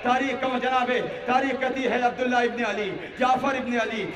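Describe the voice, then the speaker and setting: A man reciting a mourning sermon at a religious gathering, impassioned and rising to wailing shouts. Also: very high voice, level tone, moderate pace. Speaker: Shia cleric reciting a majlis. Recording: echoey hall, far from mic, crowd. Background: mourners' crowd.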